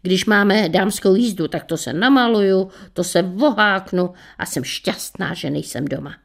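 A woman voicing a resigned, downbeat female friend in a low, quiet voice. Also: gravelly.

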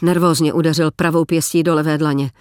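A man reading a novel aloud, measured, slowing down for emphasis. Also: fairly high pitch, little pitch movement, a little mellow, clear, resonant tone, no echo, clean studio sound. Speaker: narrator. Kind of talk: scripted audiobook narration.

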